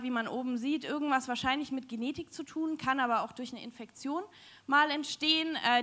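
On stage in a large, dim hall with an audience, a young German-accented woman gives a chatty, joking science slam talk into a handheld mic, using lots of fillers. Her voice sits high and sounds pushed and bright.

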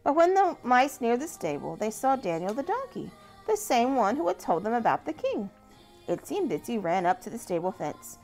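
A woman reading a picture storybook aloud to young church children, gentle and animated. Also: normal speed, faint music behind. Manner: gentle, animated reading with lively pitch swings.

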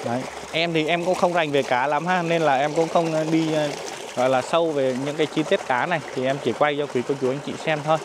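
A man's voice: fairly high pitch, steady tone, fast talker, background noise. A man giving a walking property tour of a riverside resort outdoors, speaking politely and deferentially to his viewers with frequent fillers, filmed on a handheld phone. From Vietnam. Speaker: real estate agent giving a property tour.

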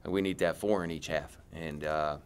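A man's voice: extremely low pitch, steady tone, fairly quick, a little hiss or hum. A middle-aged man, a basketball head coach, answering reporters after a game in a blunt way, often repeating and restarting his phrases. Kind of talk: postgame press conference answers. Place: press conference room.

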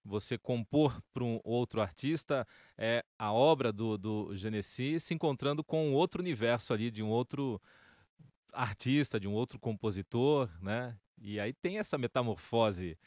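A man's voice: mid-range voice, moderate pace, darkish tone, dry recording, studio quality. A man interviewing a musician on the radio, asking long winding questions that he keeps tagging for agreement. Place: radio studio.

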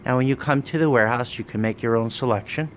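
Man giving a warehouse walkthrough pitch. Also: fast talker, slight background noise. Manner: plain, listing items one by one. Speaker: wholesale business owner. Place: indoor warehouse with dress racks. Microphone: handheld phone camera, speaker off screen.

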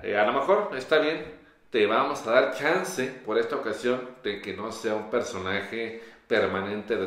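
A young man co-hosting a gossip show, explaining in a measured way with "eh" fillers in a small studio. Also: mid-range voice, fairly bright tone. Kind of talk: casual gossip chat. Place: small studio on a pink sofa. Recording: roomy echo.

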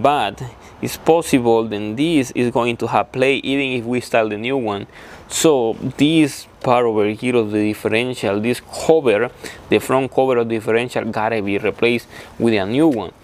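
A young man and truck mechanic explaining a repair in a hands-on walkthrough, halting with many fillers and restarts. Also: mid-range voice. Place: indoor truck repair shop.

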